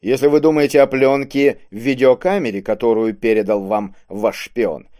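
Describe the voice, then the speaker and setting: A man voicing a sly, smooth-talking male cult preacher in an audiobook, mocking and falsely polite. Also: mid-range voice, steady tone, moderate pace, dark tone, no echo, studio quality, close to an everyday voice. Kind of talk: audiobook character voice.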